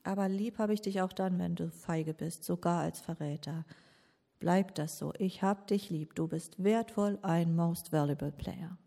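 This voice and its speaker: A woman voicing a gentle, forgiving male teacher who reassures a friend slowly and tenderly in a sermon. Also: mid-range voice, expressive.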